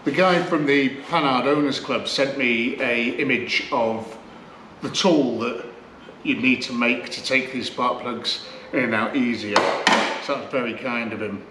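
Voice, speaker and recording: At a measured pace, a medium-pitched man chats to the camera and mutters to himself while restoring an old car in a garage or barn workshop. He sounds relaxed and chatty as a classic car vlogger, though the recording is roomy with a noisy background.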